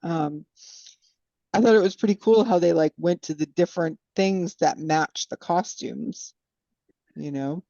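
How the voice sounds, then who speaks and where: Mellow-voiced woman, hesitant book chat. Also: on the low side, unhurried, gravelly, no echo, muffled recording. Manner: hesitant, lots of fillers and "you know". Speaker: podcast panelist. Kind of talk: casual book discussion.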